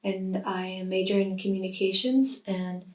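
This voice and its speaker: A woman's voice: mid-range voice, steady tone. Young woman interviewer, distant roomy mic. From Iraq. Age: young adult. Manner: reads a scripted intro, then asks measured questions. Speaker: student interviewer. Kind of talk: oral history interview.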